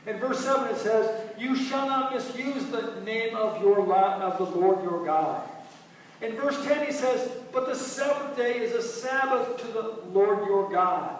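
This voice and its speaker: A man's voice: sits high, a little hiss or hum. A man preaching a sermon to a congregation, reading scripture aloud and asking his listeners questions. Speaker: pastor. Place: church sanctuary. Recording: echoey church hall, mic from a distance.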